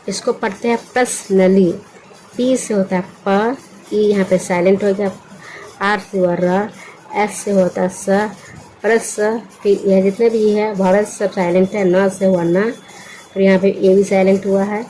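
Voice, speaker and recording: A woman gives a patient English spelling lesson in a mellow, warm voice. She breaks each word into letters, asks her listeners what they make, then repeats the answer. A faint hum of ambient noise sits behind her. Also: medium pitch, low-quality recording. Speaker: English teacher.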